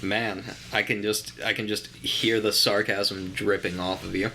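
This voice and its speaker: A man's voice: fairly low pitch, level tone, measured pace, pushed and bright, a little hiss or hum. A young man co-hosting a casual podcast, easygoing and explaining at length with fillers. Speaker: podcast co-host.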